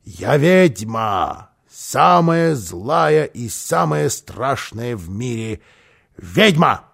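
A man's voice: big pitch swings, extremely slow, gravelly, a bit bright, breathy edge, full character voice. A man voicing a hollow-voiced boastful little witch. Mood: spooky boasting. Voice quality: hollow, put-on low voice. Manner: theatrical, boastful, indignant.

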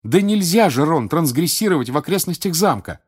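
A man's voice: mid-range voice, very animated, normal speed, darkish tone, husky, voice pushed up. A man doing an anxious, clever schoolgirl. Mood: urgent. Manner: earnest, urgent. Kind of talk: audiobook character voice.

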